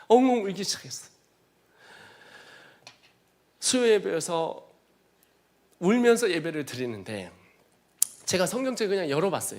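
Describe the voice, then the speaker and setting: A missionary giving a testimony sermon, telling his story in an earnest, emotional way. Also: high voice.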